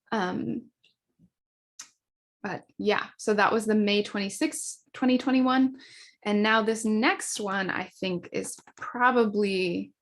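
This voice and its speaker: Chatty woman explaining astrology. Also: medium pitch. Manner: fast and chatty, with many fillers and self-corrections. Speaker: astrologer teaching a class. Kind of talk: casual explanatory talk.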